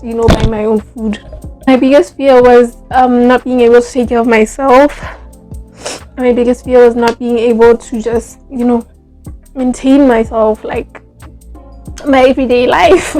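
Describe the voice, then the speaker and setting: A young woman, telling a personal story in a casual, animated vlog, full of fillers like "like" and "yo". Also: high voice. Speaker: vlogger.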